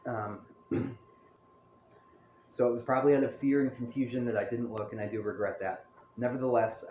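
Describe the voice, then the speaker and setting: A man's voice: lowish voice, a little mellow, roomy sound, a little hiss or hum. A man telling a personal story in a casual, candid monologue, full of fillers. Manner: candid, rambling, many fillers.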